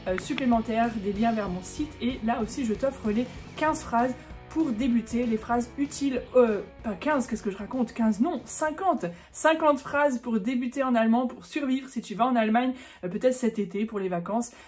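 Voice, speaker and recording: A woman's voice: a little high, normal speed, a little mellow, faint music behind. A woman giving a casual, chatty online German lesson, correcting herself as she goes and stretching out the example words. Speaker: German teacher.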